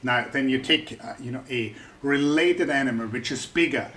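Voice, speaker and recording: Speaking at a moderate pace, a man with a German accent and a medium-pitched, slightly bright voice explains research to the public. He's a science YouTuber covering a scientific debate, and his chatty, thinking-aloud manner has him restarting sentences often.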